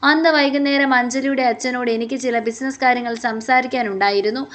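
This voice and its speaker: A serious, devoted young man, voiced by a woman narrator in her own tone speaks softly and earnestly. His voice stays gentle and measured. It is a romance audiobook. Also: fairly even intonation. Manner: low, soft and serious.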